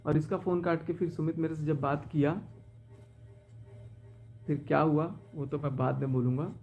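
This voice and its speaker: Man, higher-pitched, dark gravelly voice, aggrieved live-stream vlogger, faint music behind. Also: level tone, moderate pace, dull audio. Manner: aggrieved, pleading, recounting a betrayal. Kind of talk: emotional live-stream monologue. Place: in his car.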